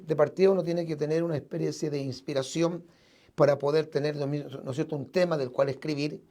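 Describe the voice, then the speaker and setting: A Chilean-accented pastor speaks to his audience in a mellow, warm tone, his voice sitting a little high for a man. He talks earnestly and casually, often circling back to repeat or restart a word. He is speaking from a radio studio. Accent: Chilean Spanish. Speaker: evangelical pastor. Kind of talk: casual live broadcast talk to listeners.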